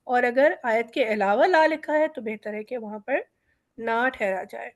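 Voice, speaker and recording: A woman teaching a Quran recitation lesson, explaining rules briskly and reciting each example word slowly. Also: a little high.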